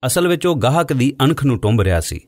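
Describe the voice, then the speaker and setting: A man narrating a novel in a steady storytelling voice, recorded in a studio. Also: mid-range voice, fast talker, dry recording. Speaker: audiobook narrator. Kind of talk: scripted narration.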